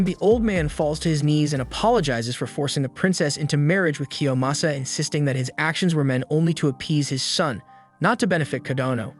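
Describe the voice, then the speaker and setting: A man reading a scripted story recap in a casual, slangy storytelling manner. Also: a little high. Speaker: recap narrator. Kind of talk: scripted narration.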